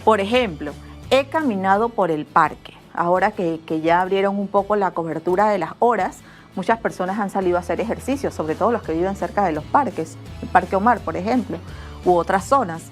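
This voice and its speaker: A woman's voice: medium pitch, brisk. Woman, middle-aged, school teacher, remote lesson, acts out examples, faint background music. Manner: explanatory, acts out example phrases with changing tone.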